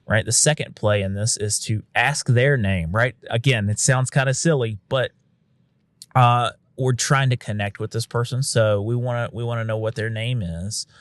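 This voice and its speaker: A man's voice: fairly low pitch, no room sound. A man who works as a paramedic, explaining in casual podcast talk and acting out what he says to patients, frank and now and then swearing. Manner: frank, conversational, uses occasional swearing; acts out quotes of what he'd say to patients. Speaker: paramedic and instructor.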